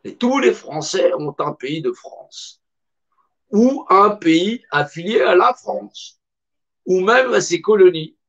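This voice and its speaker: A middle-aged man with a high voice and lively intonation delivers an impassioned monologue slowly, his voice slightly raised. His speech is emphatic and colloquial, hammering on repeated phrases, and has a fairly bright tone, though the recording itself sounds dull and lo-fi.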